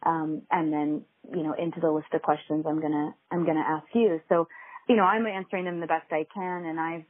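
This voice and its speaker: Give me a hesitant woman host heard through a tinny, low-quality phone recording, her voice a little low and husky, with many ums and restarts. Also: steady tone, a little fast, no room sound. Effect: low-quality recording made over a phone. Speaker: podcast host. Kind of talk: conversational interview.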